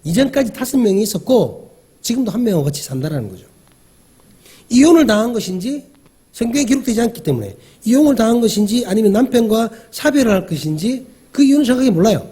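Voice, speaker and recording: A man's voice: sits high, very animated, fast, dark tone, slightly rough. A male pastor giving a conversational sermon, often asking the congregation questions and acting out the dialogue he describes. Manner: acts out quoted dialogue.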